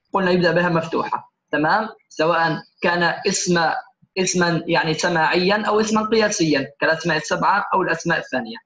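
A man's voice: sits high, fairly bright tone. A man teaching Quran recitation, going over test answers one by one and often checking in with "okay?". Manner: corrects answers one by one, often asks "تمام؟". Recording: echoey room, slightly dull lo-fi sound.

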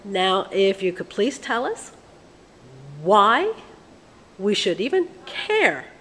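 A woman's voice: medium pitch, sing-song, slow, fairly bright tone, slightly rough. A woman in her thirties hosting a vlog, speaking in a playful, theatrical way as she interviews a curator inside a museum exhibit. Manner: theatrical, chatty, mixes Spanish greetings. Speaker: vlog host. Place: large museum exhibit hall, indoors. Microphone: handheld camera held close. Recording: long hall reverb with background noise.

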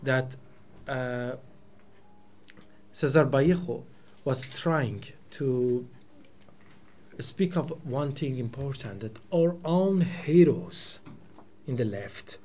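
A man in his forties from Iran, Persian being his first language, speaks slowly with long pauses in a medium-pitched, slightly mellow voice. Giving a reflective talk in a small meeting room on a table microphone, he searches thoughtfully for words, restarting often and filling gaps.

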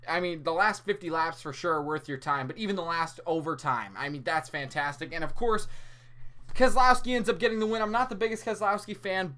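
A young man talks fast and breathlessly about a race he has just watched, his voice bright and forceful and pitched a little high. He keeps exclaiming, restarting sentences and stopping to catch his breath. It sounds like an eager video review for his own channel. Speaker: YouTube motorsport reviewer. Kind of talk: excited post-race commentary.

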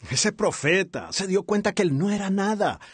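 A man reading a voice-over translation of a sermon in a steady, earnest way. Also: high-pitched, normal speed, breathy edge, no echo. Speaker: sermon interpreter.

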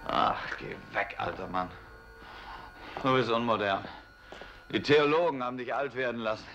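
A man giving a dramatic reading of a stage play, speaking as a bitter, despairing soldier, often hushed and at times rising to anguished cries. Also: medium pitch, animated, normal speed, highs cut off, faint music behind. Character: Beckmann, despairing war-returned man.

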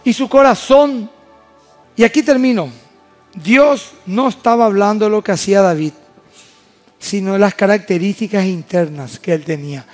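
A man's voice: sits high, normal speed, darkish tone, faint music behind. A man with a Paraguayan Spanish accent, preaching a sermon as pastor in an emphatic way, often asking the congregation questions. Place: church service.

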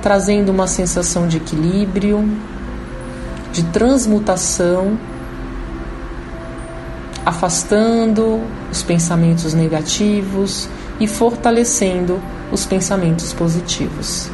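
Slow, soothing Brazilian woman guiding meditation. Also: mid-range voice, music in the background, poor audio. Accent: Brazilian Portuguese. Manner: slow, soothing, with long pauses. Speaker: program host and holistic therapist. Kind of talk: guided meditation.

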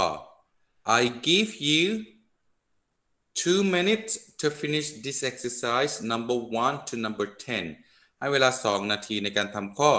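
A man gives an online English grammar lesson with a bright, forceful tone. He stretches out each English example slowly, then switches to brisk Thai explanations. He speaks into a computer microphone on a video call. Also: mid-range voice. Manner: slow, drawn-out English drills mixed with quick Thai explanations. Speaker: English teacher.

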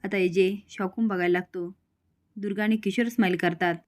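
In an average female pitch, a narrator briskly and evenly runs through what happened in a serial's episode. The characters' dialogue gets no special voices, just her same plain narrating tone.

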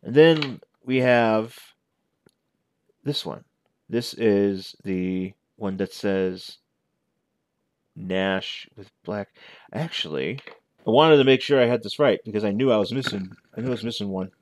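Low-voiced man chatting casually, close and dry. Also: no echo. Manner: halting, conversational, self-correcting. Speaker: toy reviewer. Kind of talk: casual unscripted show-and-tell commentary. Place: small living room at home. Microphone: headset.

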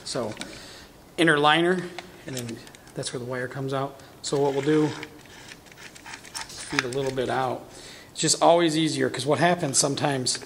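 This man, in his thirties, chats casually as he works through a hands-on demo of welding gear in the curtained corner of a shop. He has a mid-range voice with vocal fry, and there is slight noise behind him.

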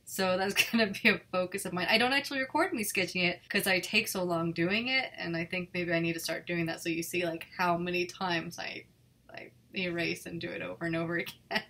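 A woman illustrator reading a fairy tale aloud and chatting casually about her drawing, relaxed and self-critical. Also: on the low side, brisk. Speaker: illustrator and channel host. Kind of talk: storybook reading and casual art commentary.

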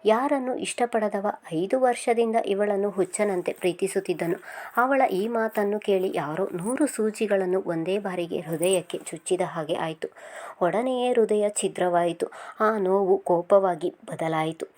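A woman reading a serialized novel aloud with steady, emotive storytelling. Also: medium pitch, measured pace. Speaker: narrator.

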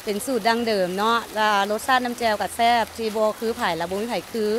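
A young woman who owns a restaurant, answering interview questions in quick, matter-of-fact replies into a handheld mic outdoors at night. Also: fairly high pitch, steady tone, slight background noise. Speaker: restaurant owner. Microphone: handheld microphone.

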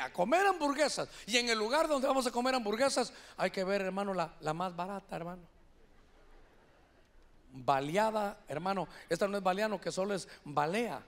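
A man's voice: high-pitched, a bit bright. A man preaching a sermon as an apostle, folksy and chatty, acting out little voices and calling listeners "brother". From Honduras. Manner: folksy, acts out voices, keeps saying "brother".

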